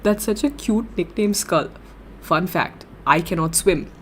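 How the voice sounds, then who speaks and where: A woman's voice: on the low side, measured pace, slight background noise. Giggly young woman streamer chatting. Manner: giggly, gushing and excitable. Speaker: livestreamer. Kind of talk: casual livestream chat reading viewer comments.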